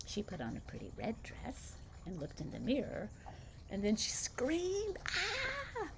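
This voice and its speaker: A grandmother reads a picture book aloud, pausing between pages to chat about the illustrations in a warm, lively storytelling style. Her voice is fairly low with vocal fry. The recording is low quality, with slight background noise.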